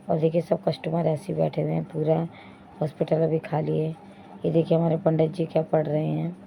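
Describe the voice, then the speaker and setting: A woman's voice: deep voice, creaky, mellow. A young woman chatting straight to her viewers in a casual home vlog, pointing things out as she goes. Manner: chatty, addresses viewers directly, repeats "dekhiye". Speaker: vlogger. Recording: dull lo-fi phone audio with faint noise.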